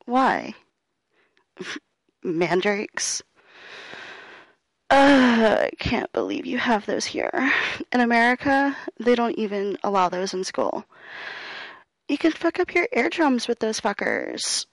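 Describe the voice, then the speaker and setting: A young woman voicing a sharp-tongued, mean young female student who swears freely and shifts between defiance and pleading in an audio roleplay. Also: fairly high pitch, sing-song, slow, creaky, pauses often, dry recording, exaggerated voice, rough recording. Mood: incredulous, mocking. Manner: profane, alternating defiance and pleading. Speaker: voice actor.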